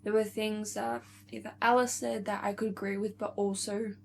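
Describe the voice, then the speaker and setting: A woman's voice: medium pitch, flat delivery, moderate pace, creaky, a little hiss or hum. A young woman vlogger chatting casually about books she is reading, gushing and chatty with lots of "like" and "really". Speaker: book vlogger.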